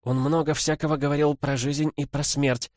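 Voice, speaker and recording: A man voicing a fierce, desperate young village girl in a storybook reading, speaking high and urgently. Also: level tone, normal speed, darkish tone, no echo, studio quality, natural voice. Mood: defiant.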